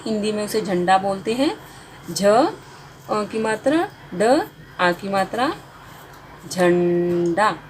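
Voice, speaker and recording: A woman's voice: on the high side, slight background noise, low-quality recording. A woman teaching a beginner spelling lesson, sounding out letters and marks one by one and drawing out each finished word.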